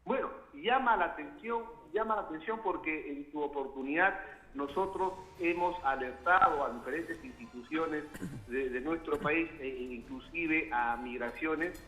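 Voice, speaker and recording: Formal Peruvian congressman, bright voice. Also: fairly high pitch, unhurried, low-quality recording. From Peru. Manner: formal, hesitant with fillers and restarts. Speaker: congressman interviewed as guest. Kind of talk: remote news interview.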